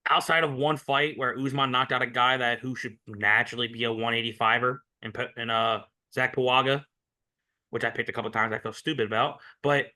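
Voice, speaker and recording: Guy with a really bright edgy voice rambling about fight picks, sure of himself. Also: medium pitch. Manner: talkative, opinionated, rambling. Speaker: podcast co-host. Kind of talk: casual sports betting talk.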